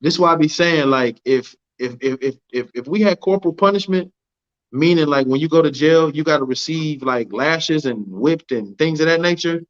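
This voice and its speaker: A man's voice: a little high, normal speed, dull audio. A man hosting a casual livestream, chatting with a guest and reading out viewer comments, often asking "you know what I'm saying". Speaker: livestream host.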